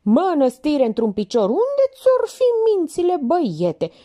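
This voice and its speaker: A woman voicing a bossy, sharp-tongued policewoman in an audiobook, raised in pitch and loud. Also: huge pitch swings, heavily acted. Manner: brusque, scolding, loud.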